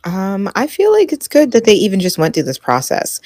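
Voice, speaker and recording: A woman co-hosting a casual chat show, animated and quick to laugh as she argues her view. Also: mid-range voice, no room sound. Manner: animated, laughs often, mimics reactions. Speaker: podcast co-host.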